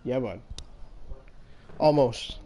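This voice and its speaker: A man's voice: medium pitch, drawn-out words, warm tone. A man chatting casually while playing a game, swearing freely and calling everyone bud. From Canada. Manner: laid-back, swears a lot, calls everyone bud. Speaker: gaming video host. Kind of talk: casual gaming chat.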